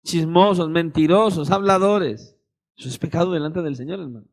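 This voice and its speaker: A man's voice: a little high, normal speed. A man preaching a sermon as pastor, emphatic and speaking straight to his listeners. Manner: emphatic, addresses listeners directly, acts out little dialogues.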